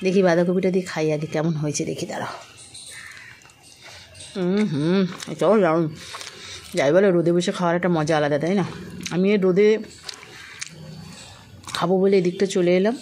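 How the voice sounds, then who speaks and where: A woman food vlogger chatting quietly to her viewers while she eats by a window, savoring each bite aloud. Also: on the low side, fairly even intonation, a little fast, pauses often, a little hiss or hum. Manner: soft-spoken, hushed. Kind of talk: casual vlog chat while eating. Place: indoors by a sunny window.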